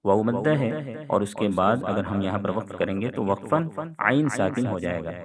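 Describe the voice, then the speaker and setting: Man teaching tajweed over crowd noise. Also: lowish voice. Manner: explains rules calmly, then chants verses slowly. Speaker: Quran recitation teacher. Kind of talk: step-by-step tajweed lesson.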